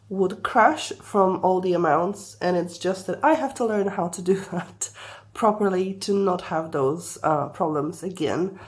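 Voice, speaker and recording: Congested young woman, casual craft vlogger, slow and hesitant, apologetic tone. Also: on the low side. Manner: hesitant, apologetic, many fillers. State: congested from the flu. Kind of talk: casual vlog chat.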